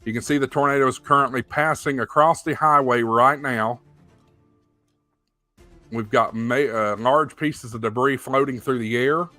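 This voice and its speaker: A man's voice: mid-range voice, normal speed, pushed and bright, dry recording, faint music behind. A man hosting a livestream, giving live storm-tracking commentary in an urgent, emphatic, repetitive manner. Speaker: livestream host.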